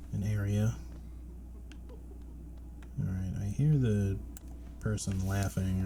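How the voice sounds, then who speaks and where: Mellow low-voiced man doing game commentary. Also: a little hiss or hum. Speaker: gaming streamer playing and commenting. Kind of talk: casual let's play commentary.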